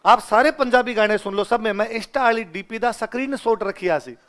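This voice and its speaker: A man in his twenties with a Rajasthani Hindi accent from the Ganganagar area, teaching a class and telling stories in an animated way, acting out the dialogue and laughing often. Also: high voice, moderate pace. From Rajasthan, India. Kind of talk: classroom lecture with anecdotes.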